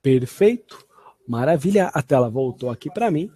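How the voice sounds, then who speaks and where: A Portuguese-speaking man teaching an online lesson, upbeat, repeating English phrases slowly and expressively. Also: medium pitch, lively intonation, mellow, slightly rough.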